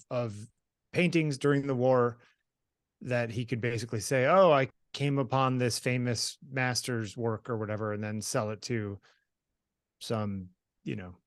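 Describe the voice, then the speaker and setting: A man's voice: medium pitch, dry recording. Matter-of-fact man, dry close sound. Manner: relaxed, matter-of-fact, pushes back. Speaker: guest photographer. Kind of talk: conversational discussion.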